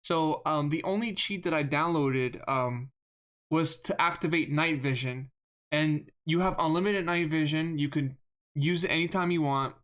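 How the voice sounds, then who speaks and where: Speaking at normal speed in a mid-range voice, a game streamer rambles through live play. The delivery is monotone and self-deprecating, with frequent repeated words.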